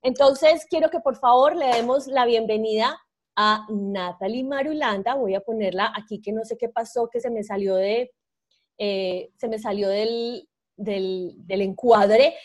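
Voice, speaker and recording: A woman's voice: a little high, unhurried. A woman hosting a live online interview over a video call, speaking effusively with many fillers and restarts. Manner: warm, effusive, hesitant with fillers. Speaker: host.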